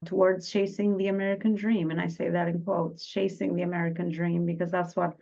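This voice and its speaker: A middle-aged woman from Albania, speaking as an interview guest. Her low, gravelly voice moves earnestly through her story, with small restarts along the way. The recording sounds dull and lo-fi. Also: little pitch movement, warm tone. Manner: earnest, slightly halting with restarts. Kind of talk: reflective personal storytelling.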